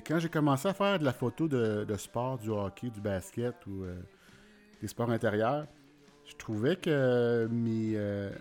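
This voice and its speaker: A man's voice: mid-range voice, a little mellow. A man with a Quebec French accent hosting a casual solo podcast, hesitant and informal, speaking while recovering from wisdom teeth surgery. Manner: hesitant, informal, pausing often to search for words. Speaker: podcast host.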